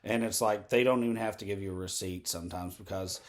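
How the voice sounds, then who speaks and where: A man hosting a political commentary show, talking in a candid, digressive monologue, slightly hoarse and clearing his throat. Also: low voice, fairly even intonation, fast talker. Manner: candid, digressive, many fillers and tangents. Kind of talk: rambling unscripted monologue.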